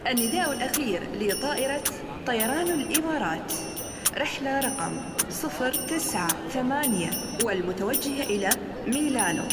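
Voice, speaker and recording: A woman airport announcer reading formal, scripted boarding calls in measured, segmented phrases. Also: sits high, roomy sound.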